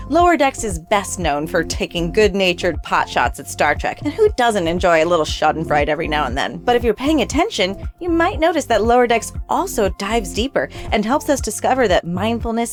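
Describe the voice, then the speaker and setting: A woman's voice: mid-range voice, expressive, moderate pace, hardly any pauses, soft background music. A woman hosting a video essay, narrating a script in an upbeat, playful way. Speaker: host.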